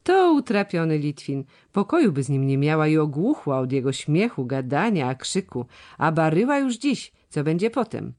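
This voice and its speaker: A biting old treasurer who lisps and stumbles over his words, as a reader puts him on. His pitch rises and falls in lively swings, mocking everything he judges. Storybook reading. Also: moderate pace. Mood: scornful. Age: older. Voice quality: lisping, stammering. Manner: scornful, biting critic. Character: old male treasurer, sharp-tongued and grumbling. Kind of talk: audiobook character voice.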